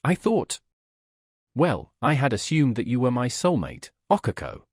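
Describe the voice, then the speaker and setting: A man voicing a warm, emotional young woman who gushes and apologizes, with a husky voice. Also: medium pitch, sing-song, a little slow, dry recording, studio quality.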